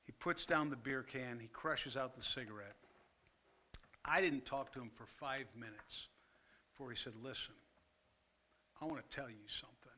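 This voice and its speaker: An older man, a pastor and former fire chaplain, telling an earnest story at a church workshop, pausing often and growing emotional at times. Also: medium pitch, bright, forceful tone, a little hiss or hum. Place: church meeting room.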